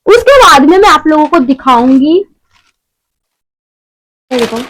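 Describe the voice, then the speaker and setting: A woman's voice: high voice, big pitch swings, unhurried, a bit bright, low-quality recording. A young woman talking casually through a beauty haul at home, chatty and rambling with self-mocking asides. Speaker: beauty vlogger. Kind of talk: casual shopping haul vlog.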